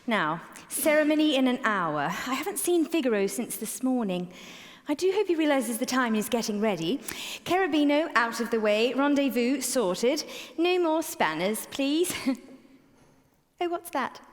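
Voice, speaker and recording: A woman's voice: high-pitched, big pitch swings, normal speed. A woman narrating as Susanna in a staged concert, playful and comic, with asides to the audience. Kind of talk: theatrical first-person narration as Susanna. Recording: concert hall with long reverb.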